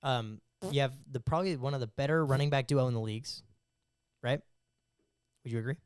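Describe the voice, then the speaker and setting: A man's voice: medium pitch, clean tone, dry recording, clean studio sound. A young man co-hosting a casual sports podcast, pressing his point with insistent questions. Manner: insistent, rapid-fire questioning. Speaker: podcast co-host.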